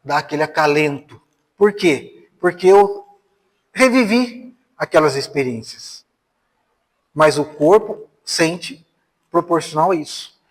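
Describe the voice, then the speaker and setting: A Brazilian spiritist speaker gives a lecture in a spiritist center hall, sharing personal stories conversationally and asking the audience rhetorical questions. He speaks in Brazilian Portuguese with a fairly high, animated voice at a slow pace, and the hall is reverberant.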